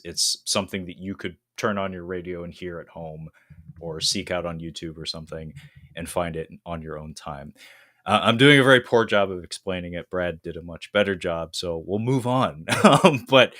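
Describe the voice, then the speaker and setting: Congested guy hosting a podcast, rattly phlegmy voice, kinda deep, really dry close sound, rambly and wordy. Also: normal speed, pushed and bright, dry recording. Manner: wordy, self-deprecating. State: congested with a cold. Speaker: podcast host. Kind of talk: casual podcast chat.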